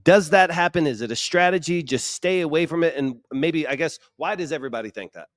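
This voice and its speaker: A man hosts a podcast interview with eager, affirming energy and asks long, winding questions. His voice is fairly high for a man. The recording is dry and close. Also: brisk, dry recording. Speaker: podcast host.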